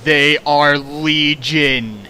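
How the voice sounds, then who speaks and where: Reading very slowly in a fairly high, sharp voice, a man streams from home as he mocks a fan fiction he's reading aloud. His commentary is sarcastic and exasperated, with shifts into mock voices, and there's slight background noise.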